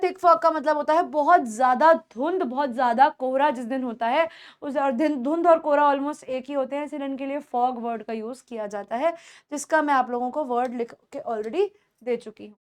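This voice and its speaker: A woman teaching a spoken English lesson, explaining slowly and repeating words for pronunciation. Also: sits high.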